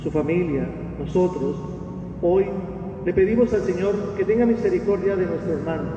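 High-voiced priest in an echoing church. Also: male voice. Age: middle-aged. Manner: solemn, halting phrases. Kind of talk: funeral homily. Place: inside a church. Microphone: gooseneck lectern microphone. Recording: echoey church, distant mic, dull, noisy.

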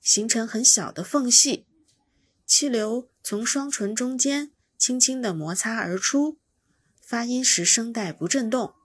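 A woman's voice: fairly high pitch, unhurried, breathy edge, no echo. A woman teaching pronunciation, patiently explaining each sound and demonstrating it by repeating it. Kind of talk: slow instructional explanation.

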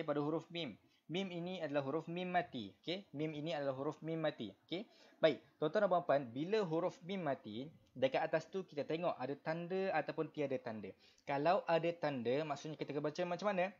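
A man with a Malaysian Malay accent teaching Quran recitation, explaining patiently with lots of repetition and fillers, then chanting verses slowly. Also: fairly high pitch, darkish tone, highs cut off. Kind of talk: online Quran recitation lesson.

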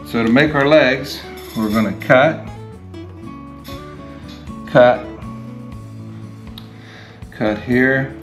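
At his home garage workbench, a man in his sixties who hosts DIY videos is captured by a camera mounted above the bench. His medium-pitched, slightly bright voice gives a plain, unhurried, step-by-step how-to demonstration as he works. The garage is echoey, with guitar music playing behind him.

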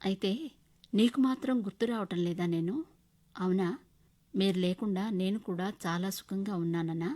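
A woman's voice: mid-range voice, normal speed, pauses often, dark tone, natural voice. A woman voicing a remorseful husband who tenderly pleads with his estranged wife in a storybook radio reading. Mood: pleading.

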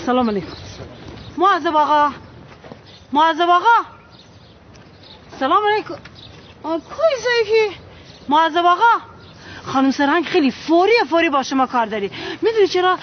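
A chatty, bickering housemaid. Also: female voice, extremely high pitch, animated, pauses often, slight background noise. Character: chatty housemaid, meddling and quick-tongued. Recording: muffled film audio.

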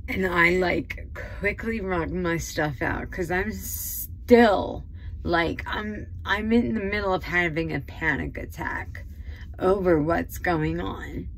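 A woman's voice: fairly low pitch, slow pace, a little hiss or hum, low-quality recording. A woman telling an emotional, rambling story straight to her phone, worked up and close to tears at times. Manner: heated, rambling, tearful at times.

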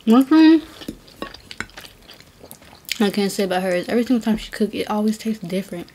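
Soft-spoken woman hosting an ASMR eating video. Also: mid-range voice, lively intonation, a little fast, slight background noise. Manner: soft-spoken and teasing, laughs easily. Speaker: host.

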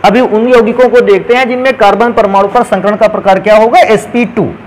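A man's voice: high voice, steady tone, fairly quick, a little hiss or hum, low-quality recording. A man teaching a chemistry lesson step by step, calling his students "beta" as he works through examples. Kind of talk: whiteboard lesson.

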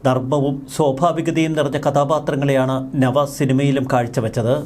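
A man reading a scripted news voice-over in a solemn, measured way. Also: mid-range voice, darkish tone. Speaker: news narrator.

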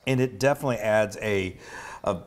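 A man's voice: lowish voice, a little fast. A man hosting a casual cooking demonstration, chatty and enthusiastic, often trailing off and restarting his sentences. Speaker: cooking show host.

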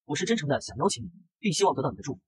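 A young noble bride from a comic pleads earnestly, read by a man in his plain narrating voice. The tone is husky and breathy. The words come quickly in a dry, close sound. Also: on the high side, very animated, dry recording, exaggerated voice.

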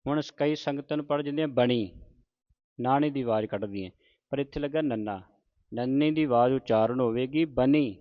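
A man teaching scripture recitation line by line, slowly chanting each verse and correcting pronunciation. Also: medium pitch, no room sound. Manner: slow, deliberate, corrects pronunciation. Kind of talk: slow line-by-line recitation lesson. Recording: dull lo-fi dry recording.

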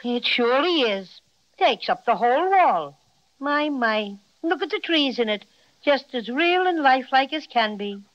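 A woman's voice: high-pitched, animated, unhurried, a bit bright, lo-fi sound. A woman voicing a small, brave, boastful male stuffed cinnamon bear in a 1930s radio play, with a cheery, folksy way of talking. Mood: eager. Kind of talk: 1930s radio drama acting.

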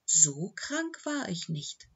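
A woman reading the voice of a calm, loyal old female dog in an audiobook, speaking in a soothing, matter-of-fact way with a slightly husky tone. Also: fairly low pitch, slow pace, lo-fi sound, full character voice. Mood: reproachful.

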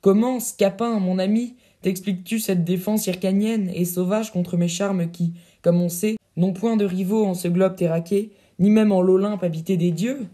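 A swaggering captain full of pompous bluster, voiced by a man reading an audiobook. The voice sits high yet sounds dark and mellow. He boasts in grand, puffed-up phrases. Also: steady tone, normal speed, few pauses, lightly acted. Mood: indignant bluster.

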